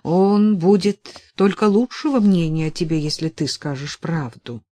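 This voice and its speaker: A woman's voice: lowish voice, measured pace, dark tone, dry recording. A woman reading the part of a worried middle-aged mother who pleads anxiously with her daughter. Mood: pleading.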